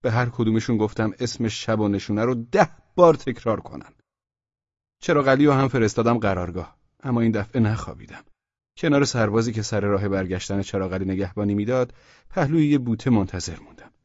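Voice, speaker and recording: A man's voice: fairly low pitch, darkish tone, no echo. A man narrating a first-person audiobook in a colloquial, conversational storytelling manner, recorded close in a studio. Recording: dull lo-fi dry audiobook recording.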